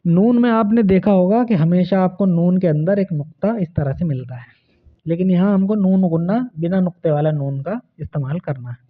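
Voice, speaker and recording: A man teaching Urdu reading, reading out words and practice sentences slowly and deliberately. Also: sits high. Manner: slow, deliberate word-by-word reading aloud. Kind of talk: reading lesson with slow drills. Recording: narrow phone-like sound.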